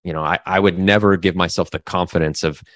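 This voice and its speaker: A man in his thirties from the Midwest speaks with a very low voice, recorded close and dry. He talks casually as an interview guest, halting often with fillers and restarts. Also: steady tone, fairly bright tone, no room sound. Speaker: guest business owner.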